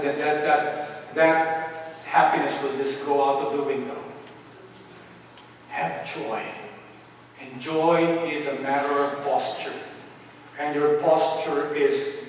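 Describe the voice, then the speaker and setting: Pastor preaching in an echoey hall. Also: male voice, fairly high pitch, a little hiss or hum. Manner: storytelling, animated when retelling quarrels. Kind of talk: sermon. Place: church hall. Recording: echoey church hall from far off.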